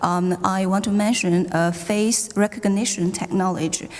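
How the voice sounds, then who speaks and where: A woman's voice: medium pitch, steady tone, moderate pace, a little mellow. A woman whose first language is Chinese asks a hesitant question, full of fillers, from the conference floor. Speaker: audience questioner, scholar. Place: large conference hall. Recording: reverberant hall sound.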